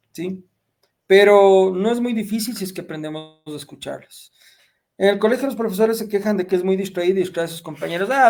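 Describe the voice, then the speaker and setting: A man's voice: high-pitched, vocal fry, a little mellow. A middle-aged man giving parenting advice in a conversational way, telling stories and often checking in with short tag questions. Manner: storytelling, frequent tag questions. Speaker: parenting speaker.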